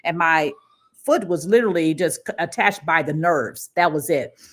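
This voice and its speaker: A woman's voice: sits low, moderate pace. A middle-aged woman, the host of her own livestream, telling a personal story casually and acting out what people said. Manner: lively storyteller who acts out what people said. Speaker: livestream host and career coach.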